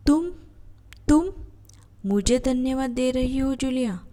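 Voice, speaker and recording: A woman reading aloud the lines of an angry, stern male employer in a slow, mellow voice. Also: on the high side. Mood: indignant.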